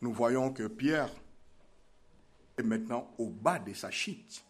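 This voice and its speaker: A man's voice: medium pitch, slow, slightly rough. A man preaching a sermon, emphatic and repeating his key phrases.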